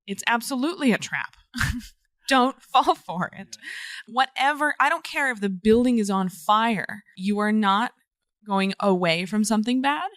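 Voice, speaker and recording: A woman's voice: mid-range voice, unhurried, fairly bright tone, no room sound. A woman co-hosting a podcast in casual chat, talking emphatically and laughing often. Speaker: podcast co-host.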